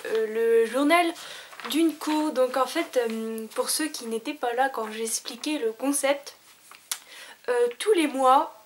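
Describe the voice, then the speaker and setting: A young woman chats to her viewers in a high, bright voice. She rambles, restarts her sentences and fills pauses often, casual and unscripted. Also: a little hiss or hum. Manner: chatty, many fillers and restarts. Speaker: vlogger. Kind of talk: casual vlog chat.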